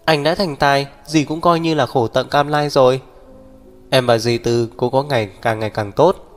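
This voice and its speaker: A man voicing a sickly, reserved young man who speaks quietly. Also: mid-range voice, fairly even intonation, moderate pace, natural voice. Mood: calm. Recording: long reverb, faint background music.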